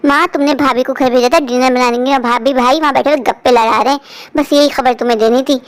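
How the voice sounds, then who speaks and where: A woman voicing a young college-student sister in a cartoon story who tattles on her brother and his wife in a hurried way. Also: high voice, fairly even intonation, clear, resonant tone, close to an everyday voice. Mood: tattling.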